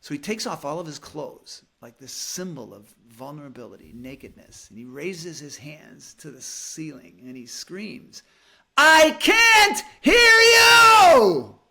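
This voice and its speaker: Gravelly, animated storytelling priest. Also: male voice, mid-range voice, normal speed, hardly any pauses. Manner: animated storyteller, acts out quotes. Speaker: podcast guest, Franciscan priest. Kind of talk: casual storytelling chat.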